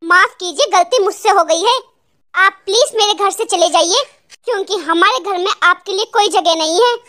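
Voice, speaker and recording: A bossy angry cartoon husband. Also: male voice, very high voice, normal speed. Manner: harsh, domineering, shouting orders. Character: angry young husband throwing out his mother-in-law. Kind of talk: animated cartoon drama dub.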